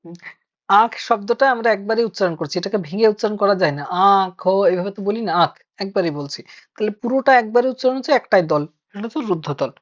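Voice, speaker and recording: A woman teacher leads an online class, patiently working through each point and putting questions to her students. Her voice sits at a middling pitch. The audio is dull and lo-fi, as on a video call. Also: expressive, quick pace. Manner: patient, explains step by step, asks students questions. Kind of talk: online Bengali grammar class.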